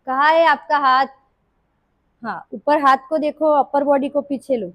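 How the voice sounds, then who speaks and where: A woman leading a live yoga class, calling out poses in short, brisk commands. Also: high voice, fairly bright tone, rough recording. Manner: brisk, commanding cues mixing Hindi and English. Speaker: yoga instructor.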